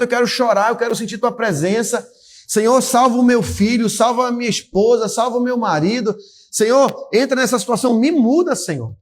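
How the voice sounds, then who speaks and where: A man preaching a fervent sermon at a church service, exhorting and calling out to the congregation. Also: high voice. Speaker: pastor.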